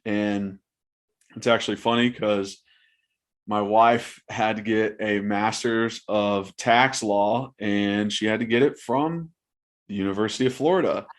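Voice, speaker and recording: Lower-voiced casual sports podcast guy. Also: fairly even intonation, a little slow. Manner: informal, conversational. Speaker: podcast host.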